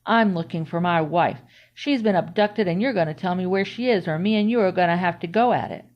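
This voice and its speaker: A stern, insistent storybook man who makes blunt threats, as a woman puts him on. His voice sits lower than the narration, and the recording is slightly dull. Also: a little fast, natural voice. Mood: threatening. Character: stern insistent male driver in hunting gear.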